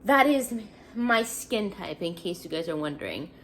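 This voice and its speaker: Her voice sits fairly low yet is expressive and a bit bright, at a moderate pace, with slight background noise. Around thirty and from Montreal, this congested, sniffling beauty vlogger chats loosely with many fillers while applying makeup in a get-ready-with-me clip.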